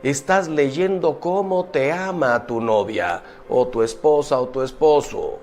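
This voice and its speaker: A priest preaching, emphatic and full of rhetorical questions, moving from loud exclamations to quiet asides. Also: male voice, mid-range voice, slow pace, soft background music. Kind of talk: preaching talk.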